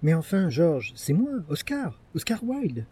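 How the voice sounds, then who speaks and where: A man's voice: on the high side, wildly swooping pitch, a little slow, mellow, slightly rough, pitched above the performer's own voice, exaggerated voice. A man voicing a flamboyant, witty male poet who is anxious and pleading, in a mannered way of talking.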